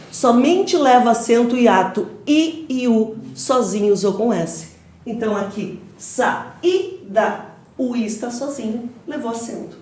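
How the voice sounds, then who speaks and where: A woman's voice: on the high side, a little mellow, a little hiss or hum. A Brazilian woman teaching an exam-prep grammar lecture to a class, firing questions and drilling answers in call-and-response. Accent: Brazilian Portuguese. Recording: echoey classroom, mic at a distance.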